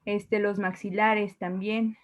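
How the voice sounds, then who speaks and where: A woman's voice: mid-range voice, little pitch movement, takes it slowly. A woman in a medical class giving matter-of-fact answers. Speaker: medical student.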